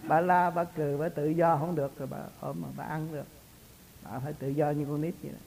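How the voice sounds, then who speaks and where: A man speaking as a spiritual teacher, his voice sitting a little high. He talks in a loose, folksy way, telling homely stories and breaking into laughs as he goes. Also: little pitch movement, fast talker, gravelly, a little mellow, rough recording. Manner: chatty, laughs often, folksy storytelling. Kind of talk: casual religious talk.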